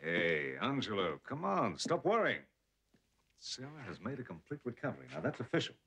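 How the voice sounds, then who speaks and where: A man's voice: medium pitch, wildly swooping pitch, moderate pace, a bit bright, slight background noise. An actor playing a concerned, reassuring male friend in an earnest television soap style. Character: concerned, reassuring male friend offering level-headed advice. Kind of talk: television soap drama acting.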